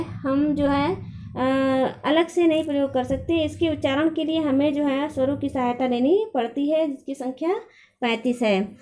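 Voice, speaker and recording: A woman's voice: high-pitched, dark tone, a little hiss or hum. A woman teacher explaining a grammar lesson patiently, asking questions aloud and answering them herself.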